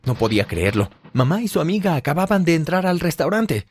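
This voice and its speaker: A man narrating a first-person story in a plain, brisk storytelling manner. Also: a little high, sing-song, slight background noise. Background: soft music.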